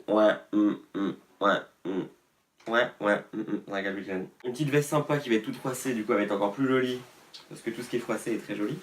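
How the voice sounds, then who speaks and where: A man's voice: lowish voice, slight background noise. A man vlogging casually about clothes he bought, rambling and self-mocking with lots of fillers and asides. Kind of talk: casual fashion haul vlog.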